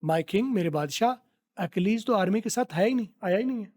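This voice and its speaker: A middle-aged man from Pakistan teaching spoken English, repeating phrases slowly to drill pronunciation. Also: high-pitched, lively intonation, darkish tone.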